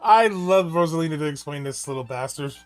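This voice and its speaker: A man's voice: on the high side, lively intonation, brisk. A man giving casual, rambling and joking film commentary, with some swearing. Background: film soundtrack music.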